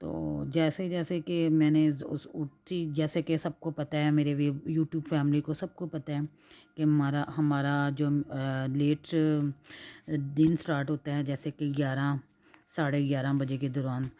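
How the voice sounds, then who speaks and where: A woman in her forties from Pakistan with a Punjabi accent, chatting casually in a home cooking vlog, hoarse with a sore throat and flu and clearing her throat often. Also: sits low, dark tone. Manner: rambling, mixes in Punjabi, frequent throat clearing. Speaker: cooking vlogger.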